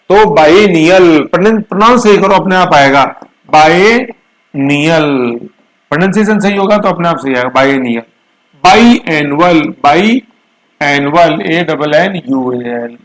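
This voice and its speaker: A male teacher giving an exam coaching lecture on current affairs, mixing English terms into his explanations and drawing words out slowly to drill pronunciation and spelling. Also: on the high side, rough recording. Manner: addresses students with homely asides.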